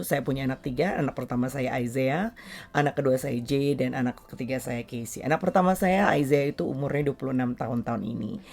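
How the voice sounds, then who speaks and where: A woman's voice: extremely low pitch, warm tone. A middle-aged woman from Indonesia hosting a casual family talk video, chatty and dropping in English words between frequent fillers. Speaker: parenting vlog host.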